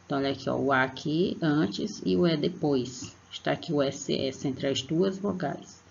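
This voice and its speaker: Gravelly Brazilian teacher giving an online lesson. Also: medium pitch, slight background noise. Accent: Brazilian Portuguese. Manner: patient, checks in with "tá?" after each point; spells out example words slowly. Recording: dull lo-fi recording.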